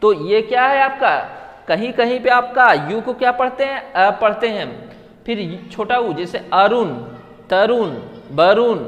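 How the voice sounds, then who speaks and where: A man's voice: high voice, fairly bright tone. A man teaching a classroom lesson, drilling his students with repeated questions and answers. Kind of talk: classroom lesson on English letter sounds. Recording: long reverb, hall-like room.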